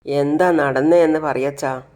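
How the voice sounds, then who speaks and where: A man's voice: a little high, steady tone, measured pace, darkish tone, close to an everyday voice. A man voicing a worried, protective grown daughter in a recapped TV serial, pleading and comforting. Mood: anxious.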